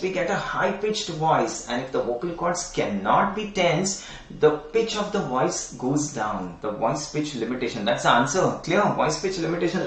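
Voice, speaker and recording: Indian male anatomy teacher, echoey room. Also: on the high side. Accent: Indian English. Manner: repeats key terms, quizzes students, coaxing. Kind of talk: online exam-prep lecture. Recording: echoey room, mic at a distance.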